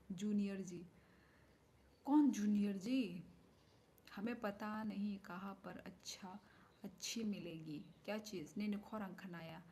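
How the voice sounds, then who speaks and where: A woman hosting a casual livestream and answering viewers' comments as they come. She talks at an unhurried pace into her phone's mic, musing aloud and now and then sinking into a soft whisper. A faint hiss sits under her voice. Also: mid-range voice. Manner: chatty, thinks aloud, drops into soft whispered asides. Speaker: live streamer. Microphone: phone microphone.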